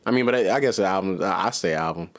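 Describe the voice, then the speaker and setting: A man's voice: sits low, fast. A man co-hosting a podcast in casual chat, laid-back and profane, rambling with lots of fillers. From Southern United States. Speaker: podcast co-host.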